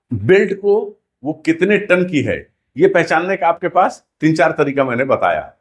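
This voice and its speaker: Male rigging instructor, lively and a bit high-pitched, classroom teaching style, quizzes students on key terms. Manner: explanatory, repeats key terms as questions to the class.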